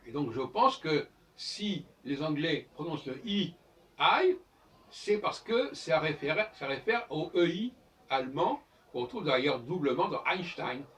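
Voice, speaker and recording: Hosting his own channel, a man delivers an informal lecture in a professorial way, spelling out examples letter by letter. His voice is on the high side, expressive and unhurried, with a fairly bright tone. The mic is distant, and faint background noise can be heard.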